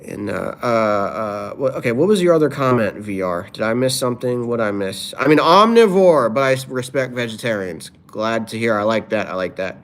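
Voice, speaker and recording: A man's voice: medium pitch, lively intonation, moderate pace, hardly any pauses, fairly bright tone. A man talking casually on a live stream, reading out viewer comments and dropping playful improvised rhymes. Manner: playful, drops off-the-cuff rhymes.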